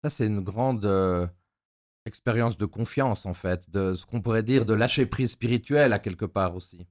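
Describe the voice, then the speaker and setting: A man's voice: fairly low pitch, moderate pace. A man hosting a Bible study discussion, talking with frequent hesitations and filler sounds. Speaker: host.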